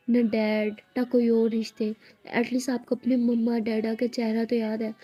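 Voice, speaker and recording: A woman voicing a young, affectionate college girl who pleads and coaxes softly in a told love story. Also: a little high, breathy edge.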